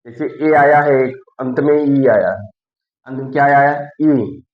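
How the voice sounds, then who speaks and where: Echoey lo-fi male teacher. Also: medium pitch. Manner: slow, repetitive, explains each rule twice. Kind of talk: classroom lesson. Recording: echoey room, dull lo-fi sound.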